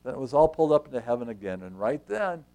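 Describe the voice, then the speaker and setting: A male pastor preaching a sermon, animated and conversational, acting out the scripture figures and dropping to a whisper for emphasis. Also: fast. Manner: animated, acts out the Bible figures with shifts in pitch and volume.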